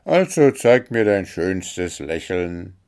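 A man's voice: sits low, sing-song, slow pace, a little mellow, full character voice. A man voicing a fussy, easily exasperated male kobold in a storybook. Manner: exasperated, grumbling. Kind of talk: storybook character voice.

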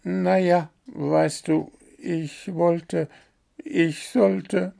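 A man voicing a small, anxious male bird in a storybook reading, high and pleading. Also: steady tone, extremely slow, creaky, dark tone, heavily acted.

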